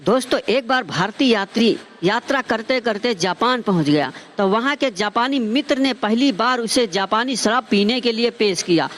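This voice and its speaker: High-voiced man telling quick jokes. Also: expressive, background noise. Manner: punchy joke delivery, acts out dialogue. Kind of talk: joke storytelling to viewers.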